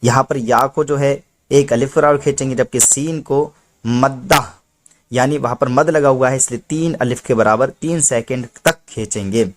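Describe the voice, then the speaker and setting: A man's voice: mid-range voice, steady tone, normal speed, a little hiss or hum. A man teaching Quran reading step by step, patiently explaining each rule and drawing out the letter names as he recites them.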